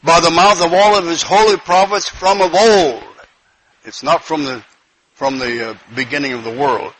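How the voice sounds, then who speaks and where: A man's voice: a little high, fairly even intonation, normal speed, a bit bright, poor audio. A man preaching a sermon, reading King James scripture aloud and breaking in with emphatic repeated phrases and praise.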